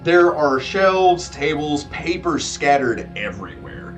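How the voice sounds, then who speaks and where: A man narrating a tabletop game as its game master, describing the scene at an easy pace with the odd filler. His pitch is lively and moves a lot. He sounds set back from the microphone, with faint music playing underneath. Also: slow, far from the mic.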